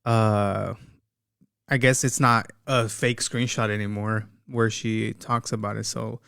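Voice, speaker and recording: A man's voice: on the low side, flat delivery, slow pace, vocal fry, a bit bright, no room sound, clean studio sound. A man hosting a reaction commentary, talking casually with sarcasm, slang and frequent laughter. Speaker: commentary host.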